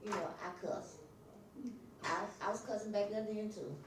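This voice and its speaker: A woman's voice: medium pitch, normal speed, far from the mic. An older woman telling a story from her past in a church class, frank and plain-spoken. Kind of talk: personal storytelling. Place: church meeting room. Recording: echoey room from afar with noise.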